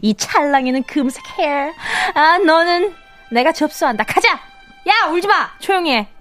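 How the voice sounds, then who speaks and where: A menacing, possessive witch mother in a comic fairy-tale audio play. She commands and scolds theatrically in a very high voice that swoops from threat to gloating. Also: expressive, measured pace, fairly bright tone, faint music behind. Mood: sinister, gloating.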